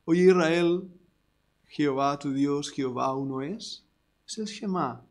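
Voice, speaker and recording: A man from Spain preaches with a Spanish accent in a notably high voice. He moves between explaining and loud, emphatic declarations, with playful asides to his congregation. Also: slow. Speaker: pastor. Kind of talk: sermon. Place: church service before a congregation.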